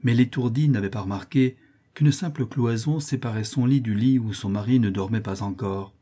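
A man reading a classic novel aloud as an audiobook narrator, in a measured literary manner. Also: mid-range voice, warm tone, husky. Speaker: audiobook reader.

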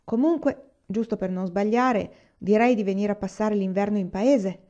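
Giovane pioniere pratico, letto da una donna, voce un po' più alta. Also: male voice, high voice, normal speed, darkish tone, close to an everyday voice. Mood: practical. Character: practical young pioneer man. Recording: slightly dull lo-fi recording.

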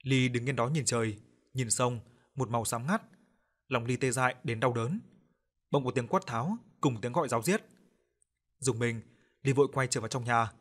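Guy reading a sad village story, measured and emotive. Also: mid-range voice, a bit bright. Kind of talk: dramatic audio story narration.

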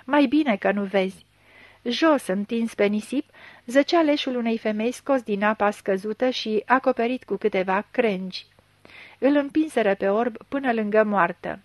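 A woman narrating a story in a measured, even reading. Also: a little high, dry recording. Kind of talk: audiobook reading.

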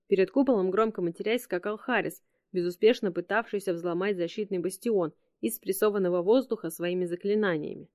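A woman reading an audiobook in a steady, matter-of-fact narration. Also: medium pitch, a little fast, few pauses, no echo, clean studio sound. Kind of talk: scripted narration.

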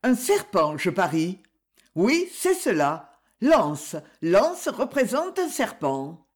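A woman's voice: medium pitch, wildly swooping pitch, slow pace, husky, full character voice. A woman voicing a worldly middle-aged aunt, a polished and gracious society hostess, in an audiobook reading. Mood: curious.

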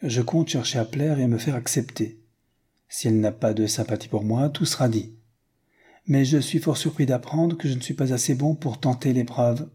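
A man's voice: mid-range voice, moderate pace, dark tone, slightly rough. A man reading as a frank, earnest American suitor. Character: rich American man seeking a bride.

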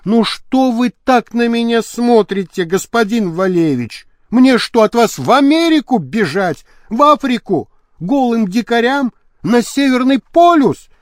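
Male narrator voicing a fiery young actress, high and shrill, very lively delivery. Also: a little slow, dry recording, clean studio sound. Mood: indignant. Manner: shrill, exclaiming. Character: hot-tempered actress, young woman, hates her husband. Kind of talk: audiobook character voice.

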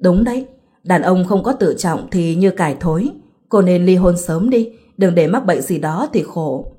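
Gossipy older neighbor ladies, chatty and indignant, read by a woman narrator, soft low voice. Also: lively intonation, normal speed, natural voice.

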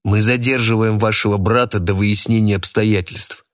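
A man voicing a curt, hard-nosed police detective who speaks in a measured way. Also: fairly low pitch, steady tone, close to an everyday voice.

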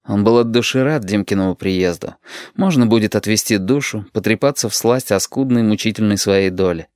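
A man narrating an audiobook with expressive storytelling. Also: lowish voice, moderate pace, clear, resonant tone, no echo, studio quality. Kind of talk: scripted narration.

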